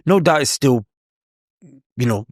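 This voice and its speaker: A male podcast host asks questions casually, circling a point with fillers before landing it. His voice sits at an ordinary pitch. The sound is dry. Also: animated, a little slow, dry recording. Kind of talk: interview.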